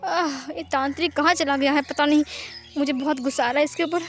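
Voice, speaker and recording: Woman playing a stammering, gentle young writer. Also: sits high, fairly even intonation, brisk, soft background music, close to an everyday voice. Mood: soothing. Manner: stammering, soothing and pleading. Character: gentle, anxious young male writer pleading. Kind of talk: storytelling voice acting.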